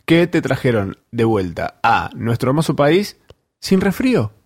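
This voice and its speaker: A man with a Rioplatense accent co-hosts a relaxed podcast, teasing and joking with quick asides. His voice is a little husky and swoops around a lot. The recording is dry. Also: mid-range voice, no room sound. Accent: Rioplatense Spanish. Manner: teasing, jokey interjections. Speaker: co-host. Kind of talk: casual podcast chat.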